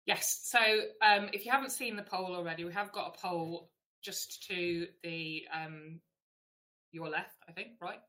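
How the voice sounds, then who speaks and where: Woman, webinar host, chatty, welcoming, frequent ums, bright tone, lowish pitch. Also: steady tone, a little slow. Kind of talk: hosting a live webinar.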